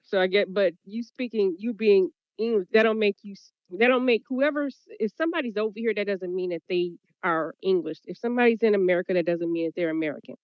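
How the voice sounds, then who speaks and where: Female panelist for casual chat, middling pitch, muffled low-fidelity audio. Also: fast talker, hardly any pauses, dry recording. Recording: dull lo-fi audio, dry.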